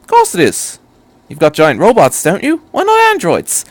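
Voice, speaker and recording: A man's voice: high-pitched, huge pitch swings, moderate pace, no echo, pitched above the performer's own voice. A man voicing an eccentric, playful time-traveling doctor who chatters airily and wanders into digressions, in a story reading. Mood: airy, musing. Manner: airy, digressive, quizzical chatter.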